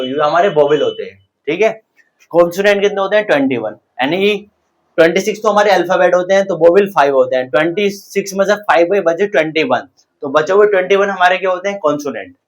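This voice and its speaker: Guy giving an english lesson in hindi, fairly high voice, quizzes himself then answers, keeps saying guys. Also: fast talker. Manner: explains step by step, asks and answers his own questions; addresses viewers as guys. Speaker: English teacher.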